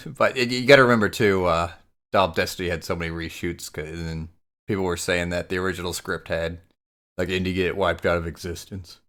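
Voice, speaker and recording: Man, deep voice, podcast host, casual chat, easygoing. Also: fairly even intonation, fairly quick, fairly bright tone. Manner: easygoing, leads the questions. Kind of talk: casual movie review chat.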